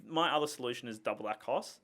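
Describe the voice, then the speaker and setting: A man's voice: medium pitch, fast talker, a bit bright. A man co-hosting a casual gaming podcast, giving his opinions and explaining things at length. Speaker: podcast co-host.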